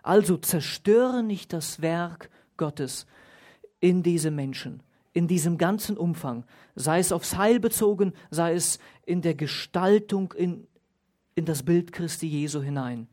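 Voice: medium pitch, measured pace, mellow. A Bible teacher giving a study talk, reading scripture aloud, explaining it and stressing single words, and putting questions to the listeners.

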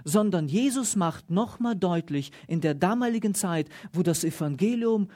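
A woman's voice: fairly low pitch, lively intonation. A woman preaching a sermon, reading scripture aloud and explaining it with emphatic, swelling invocations. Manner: slow, emphatic, rising loudly on invocations.

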